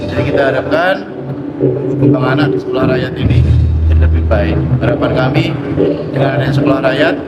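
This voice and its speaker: A man from the school giving an interview statement, halting and uneven, filling gaps with "oke". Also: mid-range voice, fairly even intonation, highs cut off. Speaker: school official. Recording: roomy with loud background noise.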